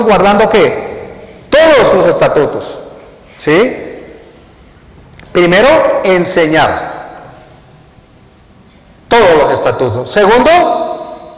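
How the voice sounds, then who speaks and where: Pastor, male, higher-pitched, sermon delivery, repeats words for stress, long church reverb. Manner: repeats key words, asks the congregation questions. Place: church hall.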